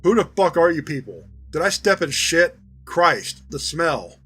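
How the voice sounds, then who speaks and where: A man's voice: on the high side, normal speed, fairly bright tone. A man voicing a coarse, swearing male security agent in a dramatized audio log. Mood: gruff.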